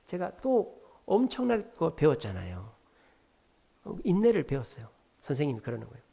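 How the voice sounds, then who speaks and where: Guy pastor giving a friday night sermon, bit high voice, swings up and down a lot, tells stories and asks the church questions. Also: huge pitch swings, moderate pace, gravelly, slightly rough. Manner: storytelling, acts out quoted dialogue in a softer voice; addresses the congregation directly with questions. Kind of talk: Friday prayer meeting sermon.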